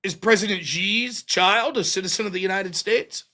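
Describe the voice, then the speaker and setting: At a normal speed and in a voice that sits high, bright and forceful, a man runs a solo political commentary livestream. He argues through a legal reading point by point, emphatic throughout.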